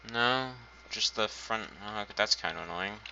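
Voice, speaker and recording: A man's voice: fairly low pitch, unhurried, creaky, bright, forceful tone, slight background noise. A man casually commenting on his own gameplay, thinking aloud while building and making dry, self-mocking asides. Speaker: gaming channel host. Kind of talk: casual let's-play commentary. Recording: dull lo-fi home recording.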